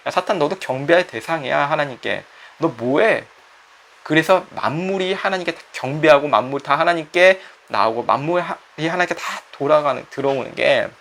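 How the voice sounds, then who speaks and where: A man's voice: a little high, vocal fry, bright, forceful tone. A middle-aged man, a pastor, giving a conversational sermon that acts out quoted voices and puts questions to the listeners.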